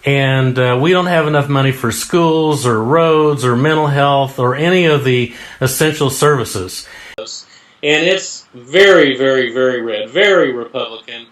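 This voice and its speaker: A man's voice: mid-range voice, unhurried, a bit bright. Man, political candidate, folksy, earnest, interview answers. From Oklahoma. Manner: folksy and earnest, with homespun exclamations. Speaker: congressional candidate.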